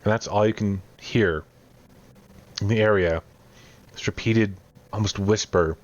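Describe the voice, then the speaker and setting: Man, game master, calm descriptive narration, lowish voice, muffled lo-fi audio. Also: a little slow.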